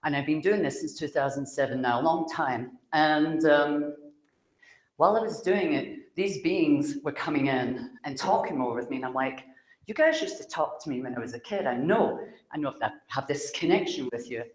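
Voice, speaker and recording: A woman from Glasgow with a Scottish accent, giving a chatty talk to an audience as a psychic speaker, speaking loudly and laughing often. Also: low-pitched, expressive, normal speed, roomy sound. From Scotland.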